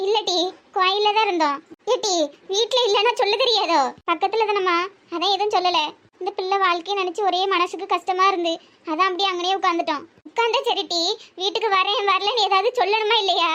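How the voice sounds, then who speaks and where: A woman's voice: very high-pitched, fairly even intonation, quick pace, sharp tone. A woman with a Tirunelveli Tamil accent voicing several village women in a comic cartoon, scolding and wailing in local dialect. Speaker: voice actor doing all women in a cartoon.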